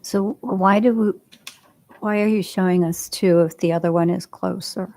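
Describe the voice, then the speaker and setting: A woman's voice: fairly low pitch, fairly even intonation, normal speed, mellow. A woman on a review board asking conversational, inquisitive questions. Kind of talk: public meeting questions.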